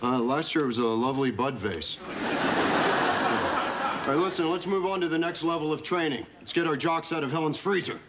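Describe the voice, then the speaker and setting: Actor as a gung-ho, higher-voiced earnest man. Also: brisk, natural voice. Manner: earnest and rousing. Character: gung-ho, earnest, dim small-town male polar bear swimmer. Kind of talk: sitcom acting. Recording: very noisy sitcom soundtrack.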